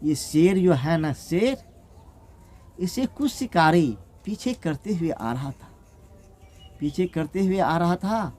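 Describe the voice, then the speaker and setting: A man's voice: on the high side, expressive, slow pace, long pauses, darkish tone. Guy doing a scared merchant begging for help in a village folk tale. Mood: despairing. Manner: pleading, despairing. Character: frightened wailing village grain merchant man.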